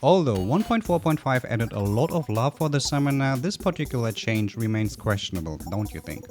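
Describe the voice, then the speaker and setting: Lively man doing commentary over music. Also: medium pitch, fairly quick. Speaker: gaming video creator reading reviews. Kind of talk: conversational commentary over game reviews. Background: background music.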